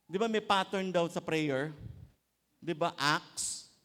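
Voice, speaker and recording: High-voiced Filipino pastor, joking. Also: male voice, slow pace, clear, resonant tone. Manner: lively, joking, mixes in English with rhetorical tags. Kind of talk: sermon.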